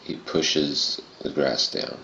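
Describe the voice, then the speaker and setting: A man with a gravelly, throaty voice, casually narrating a software tutorial in a muffled, roomy home recording. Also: extremely low pitch, flat delivery, slow, background noise. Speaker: tutorial presenter.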